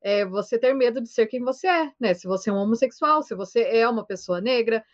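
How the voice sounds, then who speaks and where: A woman's voice: on the high side, lively intonation, a little fast. A woman with a slightly raised voice speaks hesitantly, repeating words and checking in with short tag questions. The recording is dull and lo-fi. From Paraná, Brazil. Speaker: discussion participant. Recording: dull lo-fi sound.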